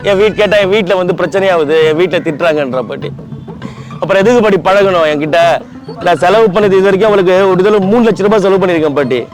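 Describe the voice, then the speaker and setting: Man, wailing plea, high voice, faint music behind. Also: quick pace. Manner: wailing, pleading, dramatic. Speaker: prankster. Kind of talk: public prank, fake heartbreak plea. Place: outdoors by a lake.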